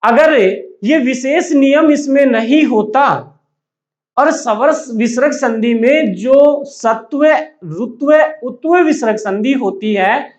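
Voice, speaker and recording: A man's voice: very high voice, takes it slowly. A man teaching a grammar lesson to a class, asking questions and answering them himself and repeating the key words. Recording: dull, echoey room recording.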